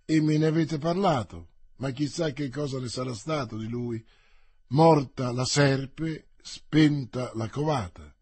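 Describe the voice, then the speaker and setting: A man voicing a bold young male musketeer in an audiobook reading, speaking briskly and emphatically. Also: medium pitch, darkish tone, husky, no room sound. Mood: brooding.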